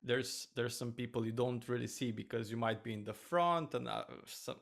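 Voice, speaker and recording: A man from Romania, a flight attendant and host, chatting casually with a relaxed, storytelling manner. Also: medium pitch, moderate pace, gravelly. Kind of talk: casual chat.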